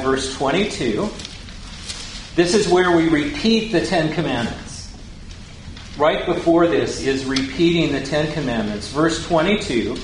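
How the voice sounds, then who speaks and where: This man's voice sits at a medium pitch as he teaches scripture in a chatty way, posing questions to listeners and rephrasing verses casually. The room is very echoey with faint ambience, and there is slight background noise.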